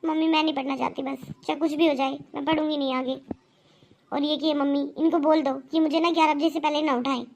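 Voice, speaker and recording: A woman's voice: sits high, fairly even intonation, quick pace, highs cut off, slight background noise. A woman voicing a spoiled young bride in a cartoon, whining and stubborn about chores and study. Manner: whiny, complaining. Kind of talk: cartoon voice acting.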